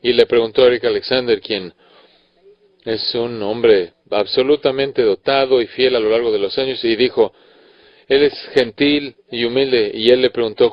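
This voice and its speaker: A man's voice: mid-range voice, dry recording. A man delivers a sermon to fellow pastors with earnest emphasis, driving his points home through pointed rhetorical questions. He often restarts a phrase to correct himself mid-thought. The recording sounds dry and slightly dull, with little room in it. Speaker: preacher.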